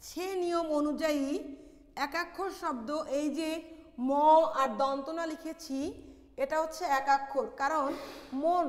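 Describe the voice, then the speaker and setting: A woman's voice: high voice, steady tone, measured pace. A woman from Bangladesh teaching a college lesson on pronunciation, explaining step by step and answering her own questions. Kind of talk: classroom lecture on pronunciation. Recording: echoey hall with long reverb.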